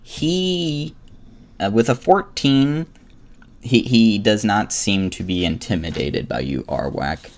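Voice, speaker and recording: A man with a lowish voice narrates a tabletop game as game master. He talks slowly and unhurriedly, pausing on fillers as he describes the scene. His delivery is relaxed and drawn out.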